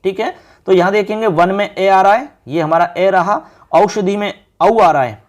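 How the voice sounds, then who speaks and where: A man teaching a grammar lesson to a class, patiently repeating each answer as a question and drawing out syllables slowly as he writes them on a board. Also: high voice. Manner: drawn-out slow spelling of syllables. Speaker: Sanskrit teacher.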